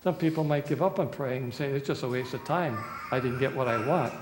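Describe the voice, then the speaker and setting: Older pastor preaching in an echoey church. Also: male voice, mid-range voice, brisk, noisy background. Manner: dramatic, swings between loud pleading and hushed quiet lines. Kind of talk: sermon. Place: small church sanctuary. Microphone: far camera. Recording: echoey church hall, roomy reverb.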